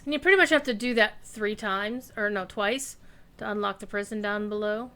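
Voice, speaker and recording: A woman's voice: medium pitch, normal speed, pushed and bright, clear, resonant tone. A woman giving casual gameplay commentary, chatty and playful, thinking aloud as she goes. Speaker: gamer, streamer.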